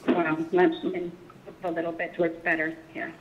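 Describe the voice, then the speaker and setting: A woman's voice: fairly low pitch, little pitch movement, moderate pace. Woman board member on a glitchy, choppy phone line, muffled with light hiss, hesitant delivery. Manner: hesitant, with many fillers. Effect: choppy, breaking-up phone connection. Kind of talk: presenting policy at a board meeting. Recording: muffled phone call with faint noise.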